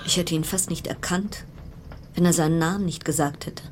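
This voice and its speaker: This woman's voice sits on the low side, steady and at normal speed, close to how she'd sound every day, with slight background noise. In a radio drama, she plays a tired, wry, nervous woman stranded at sea aboard a plague-hit cruise ship, telling her tale in fragmented, literary lines with a confiding, uneasy feel.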